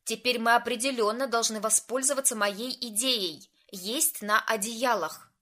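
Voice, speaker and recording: A woman's voice: on the high side, moderate pace, bright, forceful tone. A woman voicing an easygoing young man who keeps asking baffled questions in a storybook reading.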